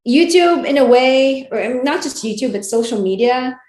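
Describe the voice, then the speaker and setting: A woman's voice: high voice, lively intonation, normal speed, darkish tone. A woman chatting casually as an interview guest, giggly and often saying "like" and "you know". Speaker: guest, wrestling ring announcer and reporter. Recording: roomy, echoey sound.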